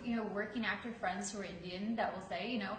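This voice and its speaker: A woman's voice: medium pitch, steady tone, fast, a little hiss or hum. A woman speaking as a guest actress in a casual interview, candid and chatty as she tells stories. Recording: echoey room.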